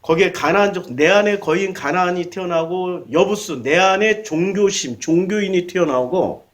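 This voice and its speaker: Male pastor, high voice, lively talky sermon that keeps quizzing the pews. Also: normal speed. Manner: animated, conversational, quizzes the congregation. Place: church.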